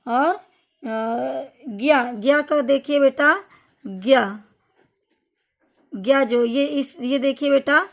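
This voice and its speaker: A woman's voice: sits high, slow, gravelly, pauses often, muffled recording. A woman teacher giving a Hindi grammar lesson, patiently repeating each point and addressing the listener as a child.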